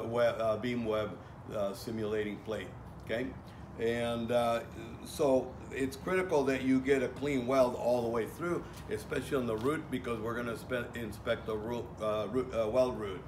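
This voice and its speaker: A middle-aged man teaching welding outdoors in a plainspoken way, with many fillers and restarts, recorded from a far camera. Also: mid-range voice. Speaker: welding instructor. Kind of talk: casual outdoor lecture. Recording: echoey, from a distance, faint ambient noise.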